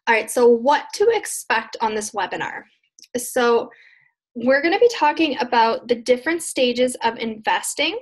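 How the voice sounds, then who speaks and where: A woman with a somewhat high voice coaches listeners through a casual webinar. She talks in an earnest, chatty way, looping back over her points in loose, repetitive phrases. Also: expressive, normal speed. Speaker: business coach presenting a webinar.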